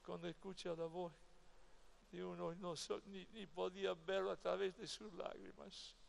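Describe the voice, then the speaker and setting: A male pastor preaching a sermon at a convention with emotional delivery that swings from loud to hushed. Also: high-pitched, level tone, moderate pace, gravelly, slight background noise. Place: convention event.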